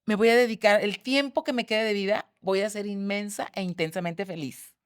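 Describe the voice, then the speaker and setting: A woman's voice: medium pitch, brisk, clear, resonant tone, dry recording, clean studio sound. A middle-aged woman cheerfully telling a personal faith testimony. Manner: cheerful, animated storytelling. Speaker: guest sharing a testimony.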